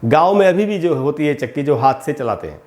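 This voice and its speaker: A man's voice: a little high, expressive, fairly quick, a little mellow. A man teaching English grammar to viewers in Hindi, explaining patiently and repeating each term, and he addresses the audience as friends again and again.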